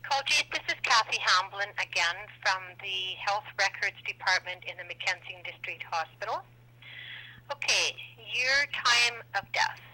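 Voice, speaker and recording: Woman on a bright voicemail playback. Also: mid-range voice, expressive, normal speed. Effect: voicemail played back over a phone line. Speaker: hospital records clerk. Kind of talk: leaving a voicemail.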